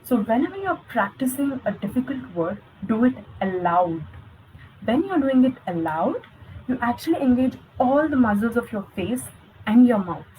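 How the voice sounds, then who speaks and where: A young woman coaches viewers through a spoken lesson. Her voice sits a little high, and she keeps an instructive, encouraging tone throughout. A faint hum of background noise sits under her speech. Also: big pitch swings, moderate pace, warm tone, low-quality recording. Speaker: spoken English skills coach. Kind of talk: online lesson.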